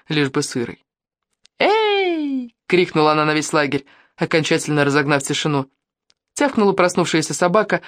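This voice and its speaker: Lively male audiobook narrator, dry close sound. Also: a little high, no room sound. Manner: lively, expressive storytelling. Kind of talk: first-person audiobook narration.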